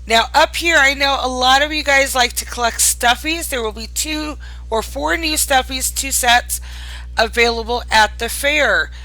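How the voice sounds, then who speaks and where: A woman's voice: sits high, measured pace, pushed and bright, dry recording, soft background music, low-quality recording. A tired woman hosting a casual showcase of items in a game world, talking in a fond, gushing manner. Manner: gushing, fond of cute things. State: tired late at night. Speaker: host presenting new items in a virtual game world.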